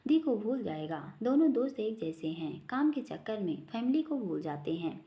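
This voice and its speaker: A bossy elder sister who scolds her brother with affection, as a woman narrator plays her. Her delivery is lively and her tone mellow. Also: medium pitch, normal speed. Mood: teasing. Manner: teasing, scolding.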